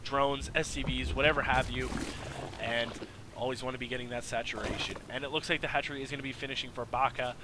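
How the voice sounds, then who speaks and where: A man casting a strategy game match with excitable play-by-play, full of fillers and sudden loud high exclamations. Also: fast talker, background noise. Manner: filler-heavy, restarts sentences. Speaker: game caster. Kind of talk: esports play-by-play commentary.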